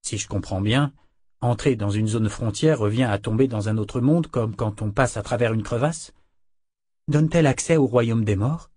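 A man's voice: medium pitch, moderate pace, warm tone, slightly rough, dry recording, studio quality, natural voice. A man playing an earnest young man, urgent. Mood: curious. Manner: urgent, pleading, raised voice.

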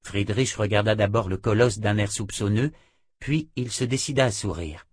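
A man narrating a fantasy audiobook in a measured voice. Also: on the low side, darkish tone, husky, no echo.

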